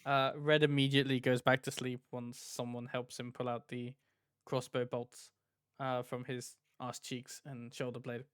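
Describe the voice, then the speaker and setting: Laid-back game master narrating camp scenes, mid-pitched, dry mic. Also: level tone, normal speed, a bit bright, clear, resonant tone, no echo. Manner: laughs often, easygoing. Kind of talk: running a tabletop game.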